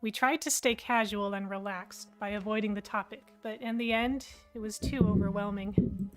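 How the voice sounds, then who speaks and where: A woman narrating a story in first person, in a reflective, even-paced way. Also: mid-range voice, normal speed, faint music behind.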